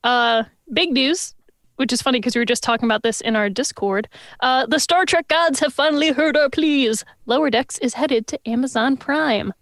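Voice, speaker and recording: A woman's voice: sits high, normal speed, a bit bright, dry recording. A woman co-hosting a live-streamed podcast, making upbeat announcements full of puns. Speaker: podcast co-host.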